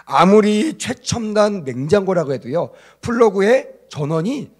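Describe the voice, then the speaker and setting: Husky-voiced pastor telling a lively story. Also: male voice, high voice, a little slow. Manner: storytelling, voicing characters, emphatic. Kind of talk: sermon with acted-out story. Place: church service.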